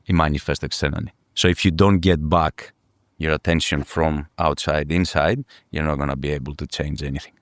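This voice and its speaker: Guy on a podcast, really low voice, keeps restarting his words, earnest. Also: fairly even intonation, dry recording, clean studio sound. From Greece. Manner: earnest, halting, repeats words while searching for them. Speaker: guest. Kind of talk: podcast interview.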